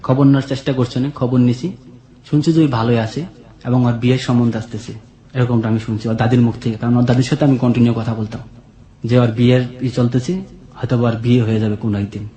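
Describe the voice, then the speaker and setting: His voice is warm and mid-range, with little pitch movement and a quick pace. He is a guest sharing his life story in a personal, earnest and plaintive way, speaking with a colloquial regional Bangladeshi accent, and the recording has a roomy echo.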